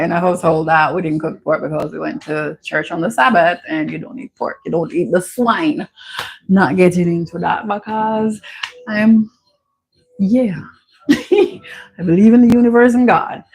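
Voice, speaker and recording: A middle-aged Jamaican woman with a mid-range, slightly rough voice hosts a home cooking vlog in her kitchen, the recording low in quality. She chats casually and candidly, keeping things playful as she talks through the cooking.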